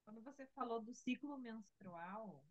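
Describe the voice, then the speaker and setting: A woman's voice: a little high, lively intonation, measured pace. A woman asking a hesitant question on a video call, repeating small words and trailing off as she searches for them. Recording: dull lo-fi video-call audio.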